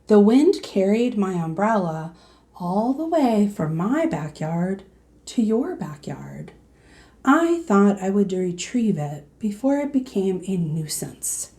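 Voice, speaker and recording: A woman voicing a big, gentle, courteous male panda in a storybook, speaking politely and kindly. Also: medium pitch, very animated, slow. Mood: polite, apologetic.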